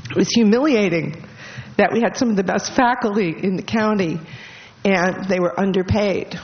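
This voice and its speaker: A woman, a departing school board member, gives an emotional farewell speech at a public meeting, tearful and halting, laughing through tears. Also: medium pitch. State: tearful, voice catching. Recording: dull lo-fi meeting recording with faint noise.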